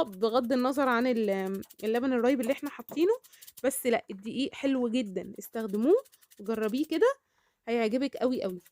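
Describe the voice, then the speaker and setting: A woman's voice: high-pitched, a little hiss or hum. A woman with an Egyptian Arabic accent chatting casually in a cooking vlog, talkative and repeating herself, often checking in with "okay?". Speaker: cooking vlogger.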